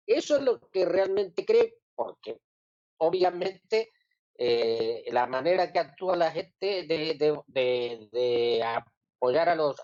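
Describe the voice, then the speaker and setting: Man, radio panelist, political analysis, lively pitch, dry close sound. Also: dry recording, dull audio. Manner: reasoning aloud, tags lines with "¿sí?" and "¿eh?".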